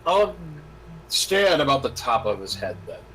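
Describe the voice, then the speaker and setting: A man's voice: medium pitch, very animated, normal speed, pushed and bright, faint music behind, rough recording. A man chatting casually as a player in a tabletop game, describing his moves.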